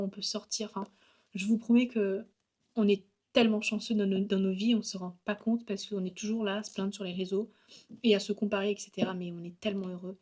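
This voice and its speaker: A young woman chats to her camera in a relaxed vlog. Her voice sits in an ordinary middle pitch for a woman. She rambles cheerfully, trailing off and restarting with easy, upbeat energy. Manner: chatty and upbeat, many fillers, laughs at herself. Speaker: vlogger and graphic designer. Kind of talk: casual vlog chat.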